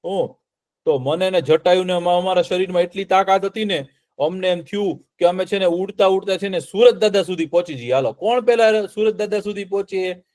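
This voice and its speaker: A grieving old giant vulture from a children's story speaks slowly and gently, voiced by a man. The voice sits high for a man. It is told as a plain storybook reading, without a heavy put-on. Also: close to an everyday voice. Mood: reminiscing.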